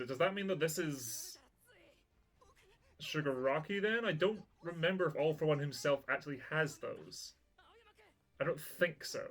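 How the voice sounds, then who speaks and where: A man with a slightly higher voice than most talks through a show as he watches it. His commentary is casual and chatty. He thinks aloud and now and then breaks into loud, excited shouts. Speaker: reaction channel host.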